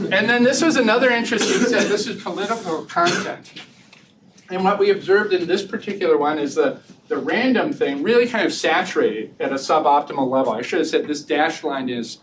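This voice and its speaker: A man lecturing in a classroom in a relaxed, chatty way, his fairly high voice often breaking off and restarting. He sits back from a distant mic, with faint room noise behind him. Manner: relaxed, chatty, laughs easily, many restarts. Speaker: invited speaker giving a research talk. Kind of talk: academic lecture with audience questions.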